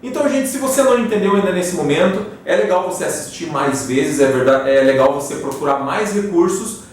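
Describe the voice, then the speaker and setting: Brazilian male English teacher, higher voice, patient and explanatory, echoey distant room sound. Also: animated, a little hiss or hum. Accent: Brazilian Portuguese. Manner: slow, careful English example sentences; frequent "tá?" and "né?" check-ins. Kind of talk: classroom grammar lesson. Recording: very echoey room, voice far from mic.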